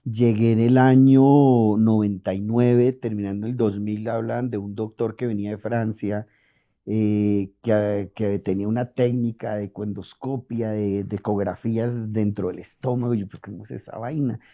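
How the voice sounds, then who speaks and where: A middle-aged Colombian man being interviewed, telling lively stories and acting out quoted dialogue. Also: on the low side, a little slow. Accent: Colombian Spanish. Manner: animated anecdotes, acts out quoted dialogue. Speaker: interviewed physician. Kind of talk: relaxed storytelling interview. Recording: dull lo-fi audio.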